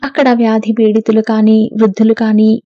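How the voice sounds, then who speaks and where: A woman narrating a novel as an audiobook, in steady, even storytelling. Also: a little high, moderate pace, dry recording. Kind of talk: scripted narration. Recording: dull, dry lo-fi recording.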